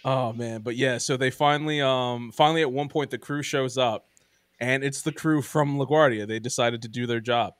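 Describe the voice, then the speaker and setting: A man's voice: mid-range voice, moderate pace, no room sound. A man telling a long travel story in casual podcast chat, swearing and acting out what people said. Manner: animated, swears often, acts out quotes. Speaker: podcast co-host.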